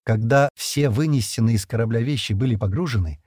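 A man narrating a science fiction story in an expressive, dramatic reading. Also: mid-range voice, brisk, no echo, studio quality. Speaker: audiobook narrator. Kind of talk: scripted sci-fi narration.

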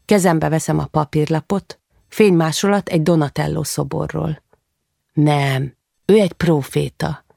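A woman reading a first-person novel in a quiet, measured way, lifting her voice for the children. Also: sits low, fairly even intonation, gravelly, no room sound, clean studio sound. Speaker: audiobook narrator.

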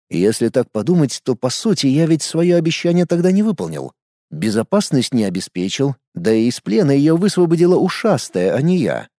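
A man's voice: on the high side, dark tone, no room sound, clean studio sound. Man reading a first-person audiobook. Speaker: audiobook narrator.

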